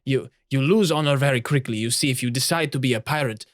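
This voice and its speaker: A man's voice: mid-range voice, fast, dry recording, natural voice. A man voicing a proud, honor-obsessed woman naval officer in a put-on Spanish accent, earnestly lecturing. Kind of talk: improvised tabletop role-play.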